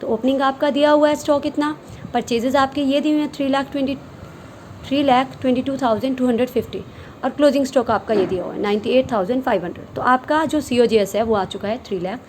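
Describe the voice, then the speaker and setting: A woman with a fairly high voice teaches an accounting lesson. She poses questions and answers them herself as she works through each step, and she mixes in English terms. A faint hiss sits under the recording. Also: fast, a little mellow, poor audio. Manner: explains step by step, asks and answers her own questions. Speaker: commerce teacher.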